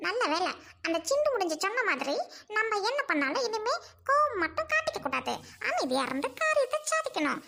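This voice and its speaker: A woman's voice: extremely high pitch, sing-song, brisk, gravelly, pushed and bright, heavily acted. A woman playing a scheming young village wife who pleads with her husband and plots on the side, in a family web drama. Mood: sly. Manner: pleading then sly muttering asides.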